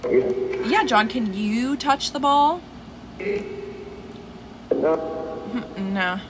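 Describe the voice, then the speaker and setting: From home, a woman hosts a casual livestream, chatting with viewers and addressing them by name in a slightly high voice at an extremely slow pace. A steady hiss runs under the noisy stream.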